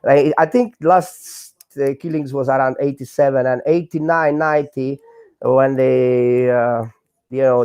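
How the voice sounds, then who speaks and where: A man's voice: mid-range voice, mellow, dry recording. Hungarian man in his forties, dry sound. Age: 40s. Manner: halting, many fillers, non-native grammar. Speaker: guest, breakdancer. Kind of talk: casual interview storytelling.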